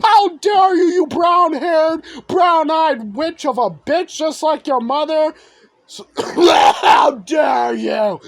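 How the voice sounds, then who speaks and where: A speaker voicing an angry old male farmer villain who shouts and splutters in rage. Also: sits high, lively intonation, very slow, hardly any pauses, exaggerated voice. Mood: furious.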